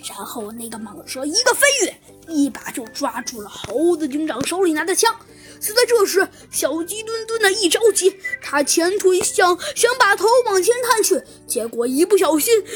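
A woman narrating a children's story in a lively, exclamatory way. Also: very high voice, normal speed, soft background music.

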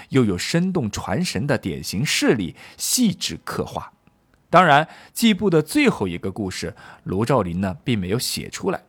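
With a fairly high voice edged with breathiness, a man explains a classical poem in an informal, story-driven lesson. Jokes and frequent fillers pepper his explanation.

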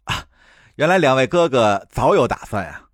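A man voices a humble young suitor in a historical audio drama, courteous and sincere. His mid-pitched voice moves through a lively range. Faint music runs under the scene. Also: normal speed, no room sound, studio quality. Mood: easy. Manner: courteous, warm-hearted.

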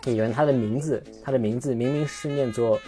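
Rambling man hosting a podcast, mellow voice. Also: medium pitch, a little fast, faint music behind. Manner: rambling, self-correcting, looks things up mid-talk. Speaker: podcast host. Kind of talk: casual solo podcast chat.

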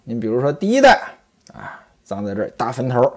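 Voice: medium pitch, huge pitch swings, brisk. A storyteller retelling a classic novel in a conversational way, turning often to the listeners.

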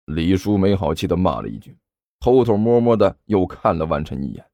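A man narrating a story in a lively, expressive way. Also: low voice, fairly quick, no echo. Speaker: audiobook narrator.

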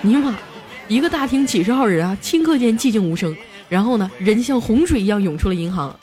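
A young adult woman hosting a comedy show, reading listener jokes aloud in a playful, lively way and chuckling at them. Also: fast talker. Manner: playful, chuckles at the jokes, jumps high for quoted voices. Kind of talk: lively comic joke reading. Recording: background music under the voice.

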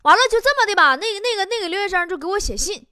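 A woman's voice: very high-pitched, animated, racing. A young woman comedian with a Northeastern Mandarin accent, telling a stand-up monologue with dialect slang and chuckles. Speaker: talk show comedian. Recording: noisy recording with clicks.

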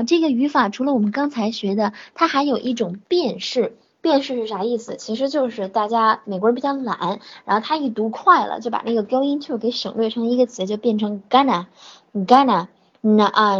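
A woman teaching English in an online class, explaining in Chinese and slowly modelling English phrases with a Chinese accent. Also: on the high side, slightly rough, lo-fi sound. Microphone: phone or computer mic.

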